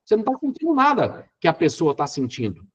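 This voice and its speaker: A man's voice: fairly high pitch, huge pitch swings, fast talker, husky, lo-fi sound. A man giving a motivational Enneagram lecture, stressing his points and putting rhetorical questions to the audience. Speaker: Enneagram teacher.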